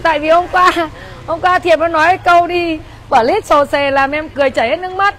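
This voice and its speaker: A chatty woman with a northern Vietnamese accent hosts a casual sales livestream for a motorbike shop, thanking and greeting viewers. Her voice is extremely high, steady, fast and fairly bright, recorded outdoors with faint traffic noise.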